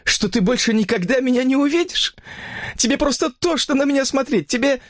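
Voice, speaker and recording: A man's voice: very high-pitched, expressive, fairly quick, a bit bright, no echo, studio quality, pitched above the performer's own voice. Man voicing a desperate, pleading lovesick woman. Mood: reproachful. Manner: pleading, reproachful.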